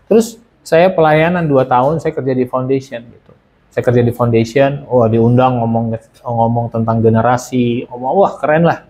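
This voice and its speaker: A man's voice: mid-range voice, steady tone, moderate pace, darkish tone. A man giving a casual sermon and personal testimony, often asking and answering his own questions. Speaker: preacher sharing testimony.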